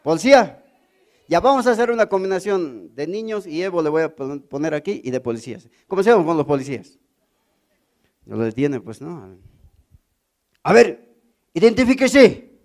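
A middle-aged man with a Bolivian Spanish accent, telling stand-up stories and acting out characters in an animated way. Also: fairly high pitch, a little fast. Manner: animated, acts out characters, stammering gags. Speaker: comedian. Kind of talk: stand-up storytelling.

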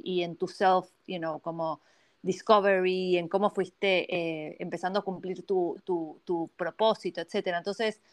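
A woman with an Argentine Spanish accent hosting a casual interview, chatty and fond of tag questions and English words. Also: fairly low pitch. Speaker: podcast host.

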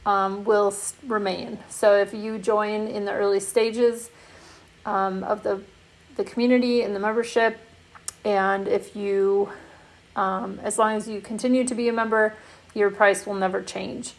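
A woman who founded an online community, talking casually and softly about it, with frequent fillers and restarts. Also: mid-range voice, little pitch movement, unhurried. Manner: soft, meandering, many fillers and restarts. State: has the hiccups. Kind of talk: casual spoken promo talk.

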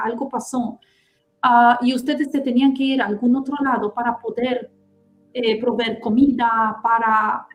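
A woman with a fairly high voice, telling a past-life reading in slow, searching phrases. She keeps pausing and checks in with her listener. Faint music plays underneath. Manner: speaks in halting, searching phrases, often checking in with "¿sí?". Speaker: clairvoyant guest.

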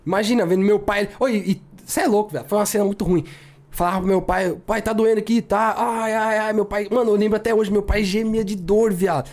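A man's voice: sits high, steady tone, fast, a little mellow. A young man co-hosting a podcast and telling a story in a casual, slangy way, full of repeated filler words. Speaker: podcast co-host.

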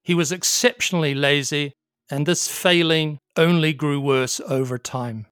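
Measured storyteller narrating a folk tale. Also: mid-range voice, fairly even intonation, fairly bright tone, no echo, clean studio sound. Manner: measured, with explanatory asides.

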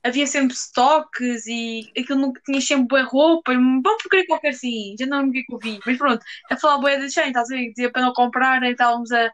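A woman's voice: sits high, fast, hardly any pauses, a bit bright. A young female student, chatting casually with friends in slangy, teasing talk. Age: teens to young adult, school student. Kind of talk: casual chat among friends.

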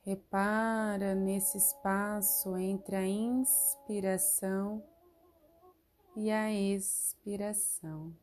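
Female relaxation guide: soothing, dark-toned delivery at an extremely slow pace, spacious pauses between instructions. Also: medium pitch, steady tone, a little hiss or hum. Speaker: meditation guide.

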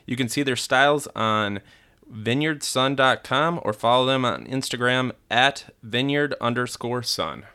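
A man reading a short sponsor message in a clean, even way. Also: medium pitch, measured pace. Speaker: sponsor announcer. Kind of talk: read sponsor ad.

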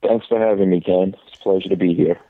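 Speaking fast in a low, steady voice, this man is a YouTuber guest who grew up in New York City. He's on a tinny phone line with no echo in a casual interview chat, easygoing and reflective, with rambling restarts.

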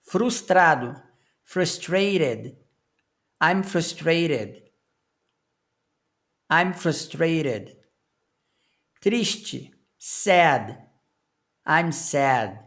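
A man teaching English to Portuguese speakers, modeling short phrases slowly and repeating each one twice. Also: on the high side. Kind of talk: language lesson with repetition drills.

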